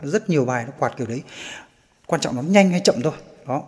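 A man's voice: a little high, lively intonation, quick pace, a little mellow, big-room sound. A man giving a casual guitar lesson, patiently chanting the strum directions aloud. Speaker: guitar teacher.

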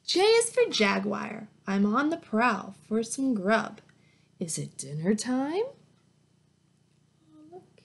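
A woman in her thirties, teaching young children, reads them a picture book in a slightly high, gravelly, sing-song voice, going slowly with long pauses. She encourages them with simple questions and praise. The room is small, plain and at home, and the mic is a webcam or laptop one at arm's length.

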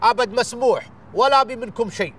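A man's voice: extremely high pitch, fast talker, fairly bright tone, recorded from a distance, a little hiss or hum. A young man playing a boastful, generous sheikh's son in sketch comedy, with a Gulf Bedouin Arabic accent. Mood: magnanimous. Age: young adult.

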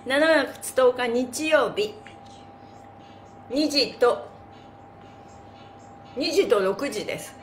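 In a small, bare indoor room with a wooden floor, a middle-aged woman runs a live-streamed stretch class, chatting and giving instructions and announcements in an exclamatory, playful, cheerful manner. Her high voice has lively intonation but comes very slowly, with long pauses. Music plays behind her in the echoey room, and there's a little hiss or hum.

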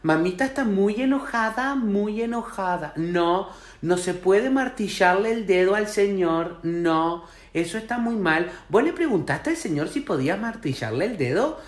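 A man voicing a soft-spoken, permissive young mother who scolds her child in a sugary, overly gentle way. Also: sits high, animated, measured pace, roomy sound. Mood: mock-gentle.

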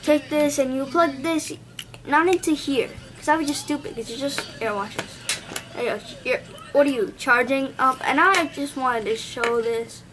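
Speaking at normal speed in a high-pitched voice, a young woman with an Indian accent unboxes and reviews a gadget at her home desk. She's casual, thinking aloud and correcting herself, and the home camera audio is noisy.

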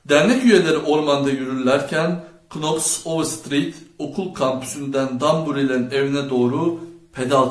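Man narrating an audiobook in a roomy space. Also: mid-range voice. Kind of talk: scripted narration. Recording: roomy echo.

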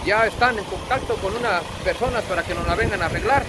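A man with a Mexican accent narrates a laid-back trucking vlog, talking quickly in a high voice and chatting with viewers like they're his buddies, full of slang. He's a truck driver and vlogger, recorded clearly outdoors with wind and vehicle noise in the background.

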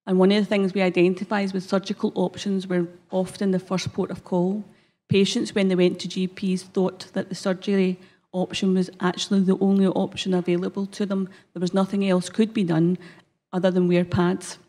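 Her voice is lowish and mellow, delivered flatly at a normal speed in a broad Glasgow-area Scottish accent. A health service manager, she gives a prepared presentation on a conference hall stage through a lectern gooseneck microphone, hesitating somewhat and using um a lot.

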